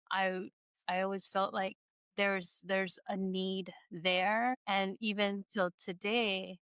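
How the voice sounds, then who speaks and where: A middle-aged woman hosts a casual interview. Her voice is smooth and resonant, recorded dry and close. She rambles warmly, laughs often and restarts her sentences as she thinks aloud. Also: medium pitch, no echo. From Hawaii. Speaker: podcast host.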